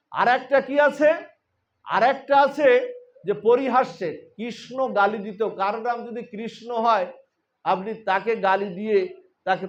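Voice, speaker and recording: Male preacher from Bangladesh, high voice, repetitive sing-song storytelling sermon. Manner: sing-song storytelling with many repeated phrases and rhetorical questions. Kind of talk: devotional sermon. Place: religious gathering. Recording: muffled lo-fi sound.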